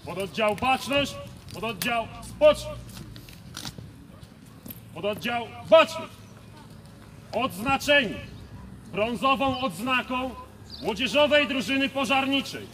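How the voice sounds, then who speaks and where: A man serving as parade commander at an outdoor fire brigade ceremony, calling out loud, clipped, drawn-out drill commands. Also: extremely high pitch, lively intonation. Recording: reverberant outdoor sound with background noise.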